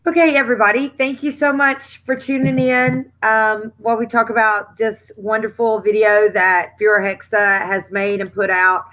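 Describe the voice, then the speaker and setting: Female stream host, relaxed casual delivery on a video call. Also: a little high, moderate pace, few pauses, poor audio. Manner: relaxed, thanks viewers and wraps up the stream. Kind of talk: casual group chat.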